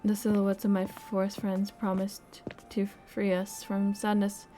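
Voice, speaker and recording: A young woman streamer reading a story game aloud, expressive and playful, with laughs and asides. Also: mid-range voice, a little slow. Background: faint game music.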